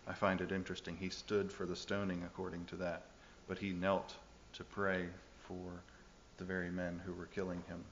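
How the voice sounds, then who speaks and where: A male pastor preaching in a lowish voice, earnest and emphatic. He presses home his points with direct questions to the congregation. The recording is dull and lo-fi, with a faint hiss. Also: monotone, moderate pace, hardly any pauses. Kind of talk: sermon.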